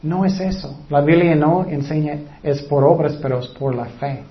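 Earnest man preaching, fairly high-pitched, muffled lo-fi recording. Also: moderate pace. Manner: earnest, full of rhetorical questions. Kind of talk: sermon. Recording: dull lo-fi recording.

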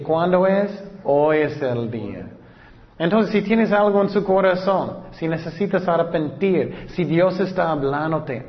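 A man delivers a sermon, reading Bible verses slowly and urging his listeners earnestly. His voice sits a little high and carries a long hall reverb. The recording is dull and lo-fi. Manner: reads verses slowly, then exhorts earnestly. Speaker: preacher.

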